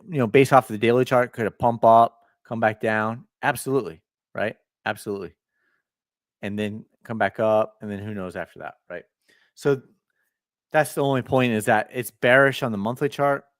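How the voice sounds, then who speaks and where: A man's voice: on the low side, no echo, studio quality. A man hosting a casual market chart breakdown, talking loosely and repeating himself, often tagging "right?". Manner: loose, repetitive, with many "right?" tags. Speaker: market analyst host. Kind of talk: casual chart analysis talk.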